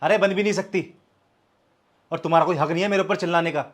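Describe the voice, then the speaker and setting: Fast-talking and angry, an actor with a high, natural voice performs a scripted short-film role as a live-in partner. His character, a proud young man, argues defensively, then becomes cold and bitter, hurt as he leaves coldly.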